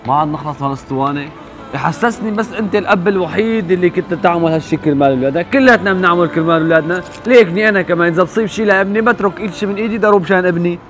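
A man's voice: high-pitched, racing, lightly acted. A man playing an impatient grown son in a street drama, with a curt, dismissive way of talking. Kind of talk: amateur street drama acting.

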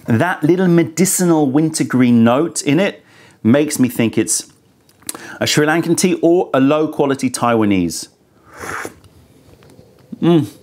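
Seated on a studio set with a sofa, a thirtysomething man reviews teas in a relaxed tasting, his voice a little high as it reaches the lapel mic. He is candid and thoughtful, with a slightly critical edge.

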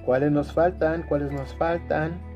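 A man's voice: on the high side, fairly even intonation, a little slow, highs cut off. A man hosting a casual toy unboxing for viewers. He bursts into delighted exclamations and is fond of cute diminutives. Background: background music.

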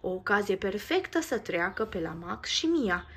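A woman reading a children's storybook aloud in a lively, expressive way. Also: mid-range voice, husky. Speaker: narrator. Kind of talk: storybook read-aloud narration.

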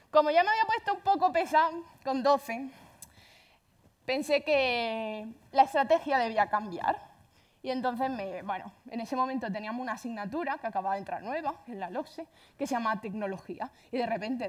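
Fast-talking Andalusian woman giving a talk. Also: on the high side. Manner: fast, chatty, self-deprecating. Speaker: speaker at a tech conference. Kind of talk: conference talk.

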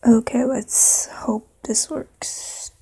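Slow-talking husky woman, casual and hesitant. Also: a little high, level tone, warm tone, whispered, rough recording. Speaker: amateur script reader. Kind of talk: casual screen-recording vlog.

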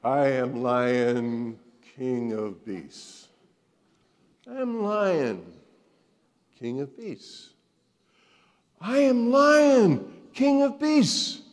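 A man's voice: on the high side, sing-song, unhurried, few pauses, darkish tone, voice pushed up, full character voice. A man doing a sad lion finding his pride. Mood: proud. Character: sad lonely male lion, droopy then proud. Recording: long hall reverb.

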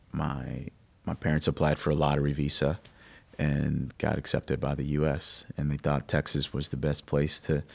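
Very deep, flat-voiced man. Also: gravelly. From Greece. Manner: reflective, thoughtful, halting restarts. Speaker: musician guest. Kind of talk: conversational interview. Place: music recording studio, indoors. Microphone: studio condenser mic on stand.

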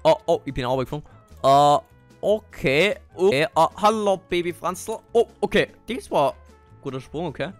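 A man's voice: a little high, lively intonation, normal speed, faint music behind. A man with an Austrian accent playing a Minecraft role-play, talking with many hesitant fillers and breaking into panicky yelps. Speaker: gamer.

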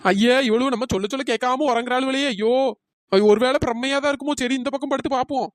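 A woman's voice: high-pitched, fast talker, no room sound, studio quality. A woman voicing a frightened younger girl in a cartoon story, pleading and whining. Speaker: cartoon voice performer.

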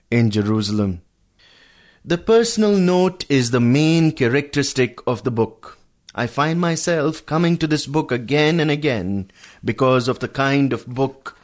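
Man teaching the Bible on the radio. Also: medium pitch. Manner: addresses listeners as friends, measured teaching pace.

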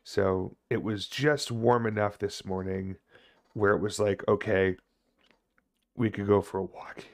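Low-pitched man streaming casually. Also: steady tone. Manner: halting, sweary, rambling. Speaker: video game livestreamer. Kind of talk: casual livestream chat. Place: small indoor home room.

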